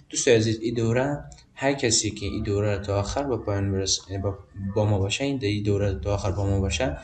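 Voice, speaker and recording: Afghan dari accent guy teaching english grammar, lowish voice, kinda far from the mic in an echoey room, lots of uhs. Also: slight background noise. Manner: patient, repetitive, many hesitations. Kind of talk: explaining grammar lesson. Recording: roomy echo, distant mic.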